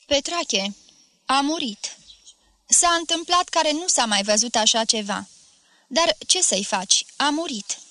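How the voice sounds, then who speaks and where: A woman putting on a fussy, greedy old village priest who mumbles and then shouts, spluttering as he presses his point. The voice sits a little high and sounds bright and forceful, recorded close and dry, as in a read-aloud storybook. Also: animated, no room sound. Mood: grave.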